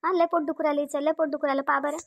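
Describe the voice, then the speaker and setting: A woman voices a fussy, middle-aged village mother who speaks with a Varhadi Marathi accent. Her high, gravelly voice stays level as she urges in rapid-fire bursts, repeating herself and constantly adding tag questions.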